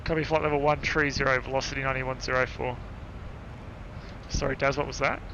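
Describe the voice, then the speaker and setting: A man's voice: mid-range voice, little pitch movement, a little fast. Laid-back man, dull noisy audio. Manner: jokey, laid-back, sweary. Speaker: virtual airline pilot. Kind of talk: casual gaming chat mixed with radio calls. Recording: dull audio with clear noise.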